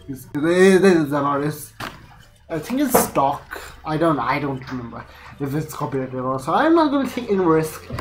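Speaking at a medium pitch, a nineteen-year-old Indian-accented student who makes YouTube vlogs talks casually and without a script, wandering between thoughts, interrupting himself, and swearing casually. The small bare room he's in is noisy, with rain in the background.

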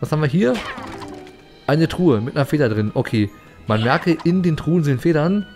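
Male gaming host, slightly high voice, chatty and playful, game music underneath. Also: expressive, moderate pace, darkish tone. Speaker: let's play host. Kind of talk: casual gameplay commentary.

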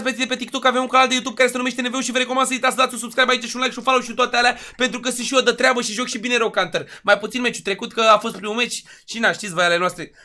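A high-pitched, bright-voiced young man hosting a gaming livestream from his computer. He talks straight to his chat and yells when a case opens or a donation comes in. The loud delivery stays close to the mic. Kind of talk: hyped livestream commentary.

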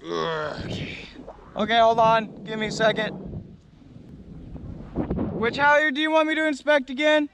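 A man's voice: very high voice, fairly even intonation, measured pace, long pauses, fairly bright tone. A young man, a crew member on a sailboat mast, joking nervously about heights. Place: high on a sailboat mast, outdoors. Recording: wind noise on the mic.

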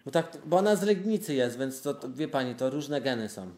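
A man's voice: mid-range voice, expressive, fairly quick, darkish tone, slight background noise. A man in his twenties, a streamer, chatting casually on a phone call from his room. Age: 20s. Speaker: live streamer making a call. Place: room at a desk, indoors. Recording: roomy indoor echo.

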